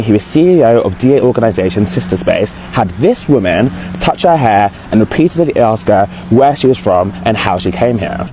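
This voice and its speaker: Young man, calm and lively outdoors. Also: fairly low pitch, slight background noise, rough recording. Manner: calm, measured, explanatory. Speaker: commentator. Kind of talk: informative talk to camera. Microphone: wired earphone mic.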